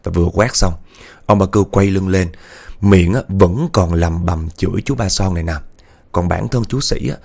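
A man's voice: sits low, moderate pace, vocal fry, a little mellow. A man telling a ghost story in a chatty way, talking straight to his listeners and acting out the scary parts. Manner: chatty, addresses listeners directly, acts out scares. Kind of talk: spoken ghost story narration.

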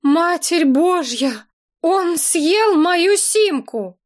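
A woman's voice: high voice, animated, measured pace. A woman voicing a frantic, dramatic young woman who wails and pleads melodramatically. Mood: shrieking.

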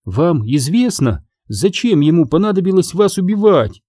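Earnest old grandmother voiced by a man, storybook, raised pitch, lively. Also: moderate pace, no room sound, studio quality. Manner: earnest, pleading. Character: resolute old grandmother, kindly investigator.

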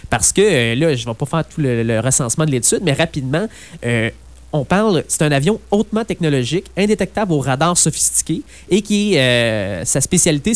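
A man's voice: fairly high pitch, no room sound. Chatty Québécois man on talk radio. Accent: Québécois French. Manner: chatty, animated storytelling with frequent fillers. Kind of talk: casual political talk radio chat.

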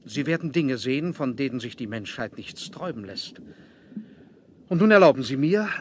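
Actor as proud, commanding Captain Nemo, lively delivery. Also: male voice, mid-range voice, lightly acted. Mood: calm, commanding. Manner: measured, commanding, formal. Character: proud, defiant submarine captain, coolly courteous. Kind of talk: 1970s adventure radio play acting. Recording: noisy 1970s vinyl audio drama.

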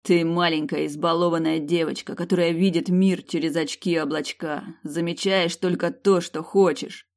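A woman's voice: fairly low pitch, steady tone, moderate pace, few pauses, darkish tone, close to an everyday voice. A woman voicing a cold, menacing male mercenary in an audiobook, with clipped speech. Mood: mocking. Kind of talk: audiobook character reading.

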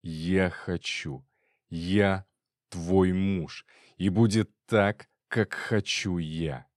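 Guy doing an angry jealous young husband, snapping through his teeth, deep dry voice. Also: steady tone, extremely slow, no echo. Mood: furious.

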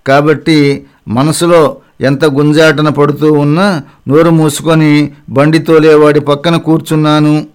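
A man narrating a memoir in a steady, measured first-person reading. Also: on the high side, clean tone. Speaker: audiobook narrator.

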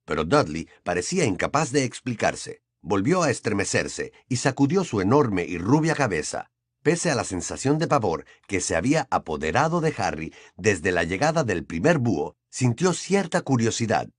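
Expressive male audiobook narrator. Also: lowish voice, normal speed, no echo, clean studio sound. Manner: expressive storytelling. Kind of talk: scripted narration.

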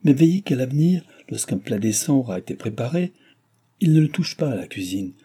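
A man voicing a fussy, complaining middle-aged gentleman who scolds in an indignant, peevish manner. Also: medium pitch, big pitch swings, brisk, husky, voice pushed up. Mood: scolding.

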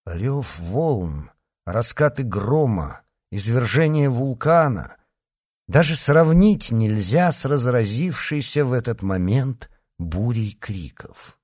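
A man narrating an audiobook in an expressive, dramatic way. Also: mid-range voice, slow, breathy edge, no room sound, clean studio sound.

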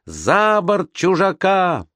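A man voicing an angry crowd of thirsty sailors shouting demands in a storybook reading. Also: high voice, huge pitch swings, slow, dry recording, clean studio sound, pitched above the performer's own voice, full character voice. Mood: furious.

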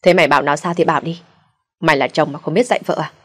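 A woman's voice: deep voice, fairly even intonation, racing. Woman voicing a nasty old mother-in-law. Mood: spiteful. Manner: scolding, coarse. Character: spiteful sick old mother-in-law, shrill and abusive.

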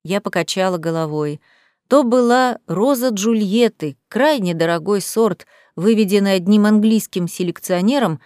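A woman in her sixties reading a first-person audiobook in a calm, measured storytelling manner. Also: medium pitch, dry recording, clean studio sound. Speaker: audiobook narrator.

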